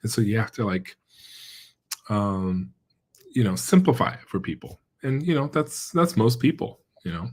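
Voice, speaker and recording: A man's voice: on the low side, lively intonation, normal speed, a little mellow, slightly rough. A middle-aged man, born in China and raised in the American Midwest, talking casually as a guest epidemiologist, hesitant and full of fillers and restarts. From born in China, raised in the American Midwest and central Pennsylvania. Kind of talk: casual interview chat.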